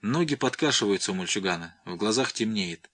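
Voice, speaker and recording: A man narrating an audiobook in an expressive, dramatic reading voice. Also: lowish voice, a little fast.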